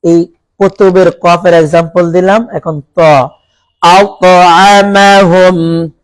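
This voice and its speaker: A man with a Bangladeshi accent teaches a classroom of students, explaining each point and drawing out Arabic words slowly. He often stops to ask the class questions and has them repeat after him. His voice sits a little high and sounds dry and close to the mic. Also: steady tone, darkish tone, no echo, low-quality recording. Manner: slow, drawn-out recitation of Arabic words as examples. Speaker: Quran recitation teacher. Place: college classroom.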